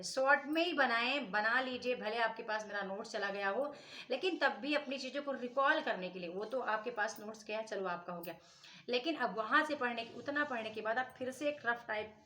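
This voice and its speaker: A woman's voice: a little high, sharp tone. A woman teacher giving study advice in a casual spoken lesson, chatty and repetitive, often checking in with her listeners. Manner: conversational, repeats points, frequent "ठीक है" check-ins.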